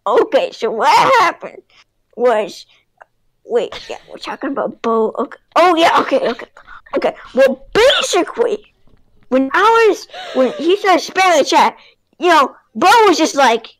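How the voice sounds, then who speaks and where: A woman's voice: high-pitched, sing-song, moderate pace, poor audio. A woman playing a scatterbrained grandpa who rambles through a story and gets sidetracked, improvised in a video game. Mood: muddled, rambling. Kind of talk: improvised role-play in a sandbox video game.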